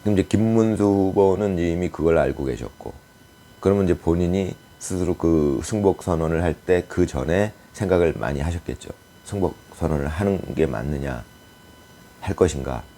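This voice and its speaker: A man giving a casual political commentary monologue, speculating aloud and pausing often with hesitant fillers. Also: sits low, warm tone, slight background noise.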